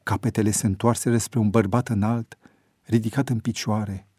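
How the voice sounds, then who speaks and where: A man's voice: on the low side, fairly even intonation, warm tone, husky, no echo. Man narrating a story, dry. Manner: measured reading. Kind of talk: scripted narration.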